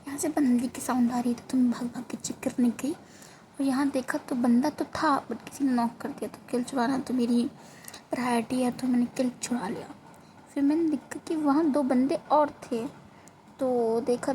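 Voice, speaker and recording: Woman joking thru her own gameplay, kinda high mellow voice, faint hiss behind. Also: steady tone, normal speed, low-quality recording. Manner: self-mocking, joking voice-over narration. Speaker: gaming creator. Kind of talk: casual gameplay commentary. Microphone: phone.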